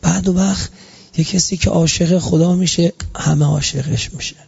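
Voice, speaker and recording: A man's voice: on the high side, steady tone, creaky, slightly rough. A man preaching an emotional mourning sermon, repeating phrases as his voice swells and sinks. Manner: impassioned, repetitive, swelling and sinking in loudness. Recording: dull lo-fi recording.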